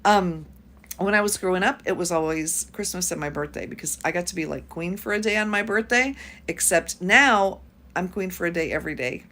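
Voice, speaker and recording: A woman's voice: fairly low pitch, a little fast, a bit bright. A woman in her fifties from the United States, hosting a casual livestream chat and reading out viewer comments as she talks. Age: 50s. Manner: chatty, reads out viewer comments. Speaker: YouTube host.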